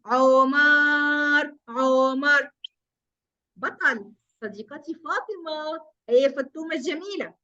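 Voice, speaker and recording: A woman's voice: sits high, takes it slowly, pushed and bright, muffled recording. A woman teaching a kindergarten class online. She speaks in an affectionate, sing-song and encouraging way over a video call. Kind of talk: online class for small children.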